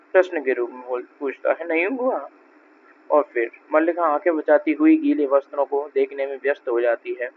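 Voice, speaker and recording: Man reading a play over a tinny line. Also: on the high side. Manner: reads every character's lines in his own voice, announcing each speaker. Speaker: reader of a play. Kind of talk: reading a stage play aloud with stage directions. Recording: tinny narrow-band recording with faint noise.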